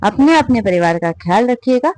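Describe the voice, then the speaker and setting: A woman narrating a romance story in a relaxed, conversational way, repeating words and switching into the voices of her characters. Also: on the high side, fairly quick, dry recording, low-quality recording.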